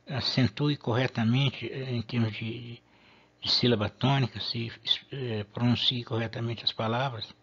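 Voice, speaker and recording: A man, explaining a lesson in a measured way and pausing to rephrase himself. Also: medium pitch, fairly bright tone, breathy edge, dull audio. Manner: measured, with restarts and fillers. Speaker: Latin teacher.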